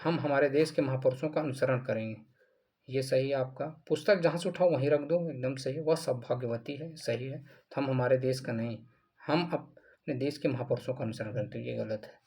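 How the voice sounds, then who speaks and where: A man's voice: medium pitch, moderate pace, darkish tone. A male teacher walking through mock exam answers, repeating each answer and asking then answering his own questions. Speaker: Hindi grammar teacher.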